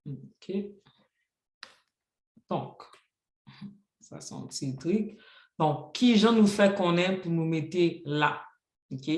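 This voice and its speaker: A teacher giving a classroom grammar lesson, patiently spelling out rules with examples and saying "ok, donc" often. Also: mid-range voice. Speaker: Haitian Creole teacher. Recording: roomy echo.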